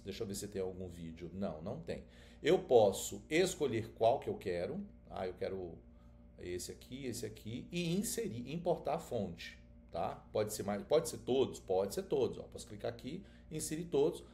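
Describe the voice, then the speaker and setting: A man's voice: medium pitch, dark tone. A man, teaching a screen-share tutorial in an informal, chatty way and checking in with viewers often. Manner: informal, addresses viewers directly, frequent filler checks.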